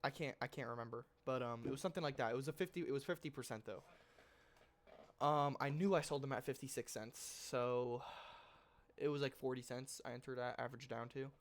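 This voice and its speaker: A little fast and mid-range, the voice belongs to a trading channel host whose nose is stuffed up from a cold. He recaps trades on a casual screen share in a loose, slangy ramble that keeps correcting itself, with mild swearing.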